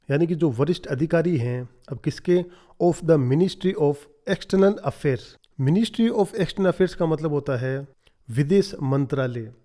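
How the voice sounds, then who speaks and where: A man with an Indian accent teaching English by reading newspaper lines slowly and explaining each word quickly. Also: on the high side, warm tone. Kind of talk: newspaper reading lesson with translation.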